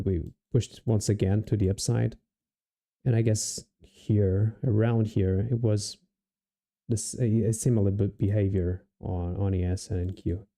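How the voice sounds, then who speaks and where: A Portuguese man with a Portuguese accent streams live as a day trader, offering relaxed commentary on his trades. He thinks aloud with many restarts and fillers in a lowish voice.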